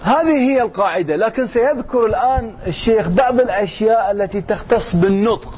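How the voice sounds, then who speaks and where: A man teaching grammar, reading a text slowly and then explaining it while quizzing his listeners. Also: sits high, darkish tone, husky. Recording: dull lo-fi sound with faint noise.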